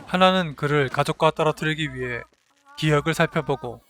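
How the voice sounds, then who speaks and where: A man reading scripted recap narration as a drama reviewer, in measured storytelling statements. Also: on the high side, a bit bright, a little hiss or hum. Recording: voice-over with faint music behind.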